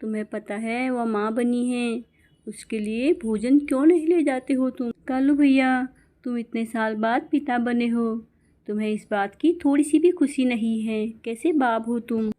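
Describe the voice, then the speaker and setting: A woman's voice: fairly high pitch, unhurried, mellow, close to an everyday voice. A woman voicing Bulbul, a caring female songbird who comforts her friend. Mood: scolding. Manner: soothing, consoling.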